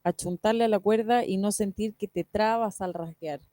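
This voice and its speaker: A woman's voice: mid-range voice, moderate pace, mellow, no echo, clean studio sound. A woman moderating a workshop, briefly reading audience questions aloud.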